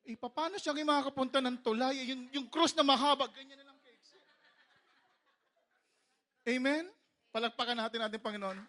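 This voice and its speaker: A Filipino man preaching a sermon, telling a funny parable and often asking for an amen. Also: extremely high pitch. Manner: storytelling, jokey, calls for amens, sometimes shouts.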